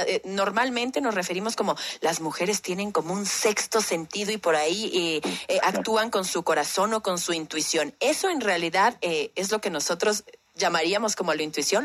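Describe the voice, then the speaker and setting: A woman radio co-host asking long questions, pausing on fillers as she searches for words. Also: mid-range voice, fairly bright tone.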